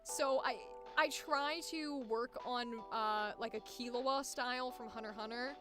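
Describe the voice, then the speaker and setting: Streaming over music, a young female voice actor with a high-pitched voice talks casually about her craft at a measured pace. Every so often she tests out squeaky character voices.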